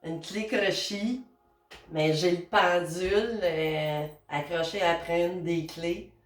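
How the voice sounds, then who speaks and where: A woman's voice: on the low side, slow pace. A woman with a Québécois accent doing a casual spiritual card reading, talking to her guides in a chatty, meandering way with many fillers. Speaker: tarot and oracle card reader. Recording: roomy and a bit distant, faint noise.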